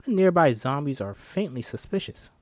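A man's voice: a little high, big pitch swings, moderate pace, a little mellow, no echo, clean studio sound. A man reading screenplay stage directions aloud as an amateur narrator. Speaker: amateur script reader.

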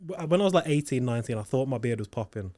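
A man's voice: medium pitch, lively intonation, very fast, mellow, no echo. A man in his twenties with an urban London roadman accent, bantering casually in street slang as a co-host. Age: 20s. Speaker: co-host of a chat show.

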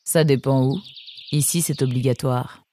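Woman playing a cool dry fox girl, low and mellow, totally unbothered, storybook. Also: normal speed, no echo. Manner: calm, matter-of-fact, dry. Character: young female green fox, calm and dry.

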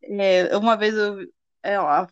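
A woman's voice: medium pitch, slow pace, smooth, dry recording. A woman with a Brazilian Portuguese accent, co-hosting a podcast in casual chat with a blunt, teasing manner. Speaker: podcast co-host. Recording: slightly muffled lo-fi audio.

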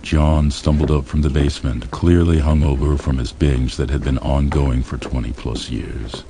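A man reading a crude comedy story aloud in a deadpan, matter-of-fact way. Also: a bass voice, normal speed, background noise. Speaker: audiobook narrator.

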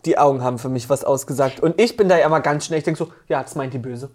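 A woman's voice: a bass voice, fast, crowd noise. A woman co-hosting a casual reaction podcast, giving her opinions and thinking aloud with fillers. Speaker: podcast co-host.

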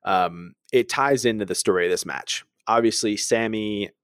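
A man with a fairly low voice tells a story on a podcast, animated and quick to laugh. He acts out the people in it. The sound is close and dry, with no room echo. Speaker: podcast co-host. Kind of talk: casual chat, storytelling.

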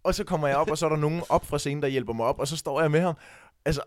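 A young man co-hosting a casual podcast, running through a story at speed and jumping into loud acted-out shouts. His voice sits a little high for a man. The sound is close and dry, with no room in it. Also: dry recording. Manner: excited storytelling, acts out shouted quotes. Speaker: podcast co-host. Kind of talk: casual chat.

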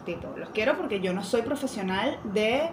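A woman's voice: medium pitch, lively intonation, normal speed, reverberant, background noise. A young woman with an Argentine-influenced accent, chatting as a podcast guest, full of fillers. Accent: Argentine-influenced Spanish. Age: young adult. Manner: chatty, fillers like "o sea" and "tipo". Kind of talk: casual chat.

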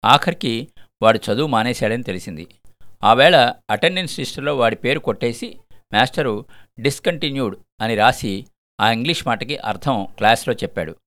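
An older retired man from Andhra Pradesh reading a short story aloud in a measured, expressive way. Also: mid-range voice, no room sound. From Andhra Pradesh, India. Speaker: story reader. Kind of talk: storytelling narration.

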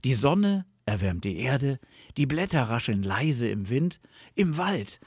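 A man's voice: medium pitch, big pitch swings, slow pace, husky, no room sound, studio quality, exaggerated voice. A man voicing a fretful, complaining male fox in a storybook reading, in a raised, plaintive voice. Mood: dreamy.

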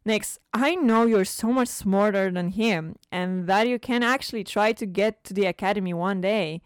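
A woman voicing a fierce, blunt mother who scolds in sharp outbursts. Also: mid-range voice, moderate pace, clean tone, dry recording, lightly acted. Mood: protective. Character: fierce protective mother, foul-mouthed and blunt.

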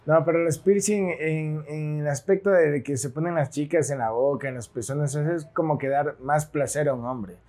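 A man's voice: fairly high pitch, moderate pace, hardly any pauses. A young man, chatting casually and often chiming in with agreement. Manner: relaxed, chimes in with short agreements. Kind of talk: casual chat.

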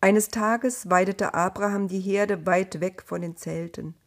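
Slow, calm woman reading a story. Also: mid-range voice. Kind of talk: scripted storybook narration.

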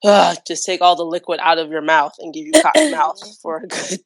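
A woman's voice: fairly low pitch, sing-song, brisk, gravelly, no echo. A woman hosting a casual podcast, upbeat and chatty, who laughs easily as she talks. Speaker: podcast host.

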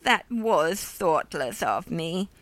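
A woman reading the part of a gentle, nostalgic older widow, talking slowly and fondly. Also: fairly low pitch, sing-song, no room sound, heavily acted. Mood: wistful.

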